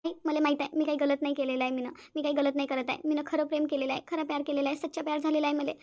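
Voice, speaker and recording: A woman's voice: high-pitched, flat delivery, racing, a little mellow. A woman voicing a lovesick, stubborn teenage girl in a cartoon, pleading and repeating herself. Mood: defiant. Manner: pleading, repetitive whining. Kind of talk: cartoon voice acting.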